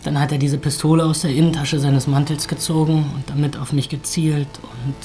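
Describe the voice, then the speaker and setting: An actor playing a shaken young man who speaks haltingly and quietly in a radio play. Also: fairly high pitch, little pitch movement, faint music behind, lightly acted.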